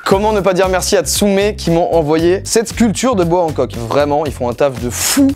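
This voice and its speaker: A man giving an excited, joking casual tour of his new studio. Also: high-pitched, normal speed, faint music behind. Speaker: YouTuber showing his studio.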